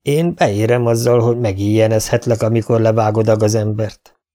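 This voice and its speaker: Egy férfi, aki egy mogorva, másnapos fiatal herceget szólaltat meg, morogva. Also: male voice, lowish voice, steady tone, warm tone, natural voice. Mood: sullen. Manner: growling, grumbling. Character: sullen, hungover young prince.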